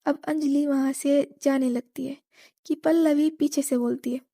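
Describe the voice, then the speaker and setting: A woman's voice: high-pitched, steady tone, unhurried, dark tone, no room sound, studio quality. A woman narrating a scripted story plainly and evenly.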